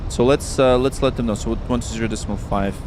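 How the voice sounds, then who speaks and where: A man's voice: steady tone, quick pace. A man giving chatty, casual live-stream commentary as a flight simulator pilot, thinking aloud. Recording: noisy, constant cockpit rumble. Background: aircraft cockpit rumble.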